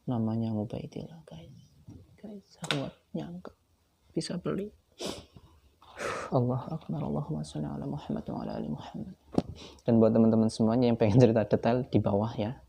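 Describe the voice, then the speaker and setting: A man's voice: mid-range voice, vocal fry, dark tone, slight background noise. A man telling a personal story to his viewers, earnest and devout, talking to them directly as friends. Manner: devout, with frequent religious exclamations. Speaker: vlogger sharing a personal story. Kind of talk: emotional personal testimony.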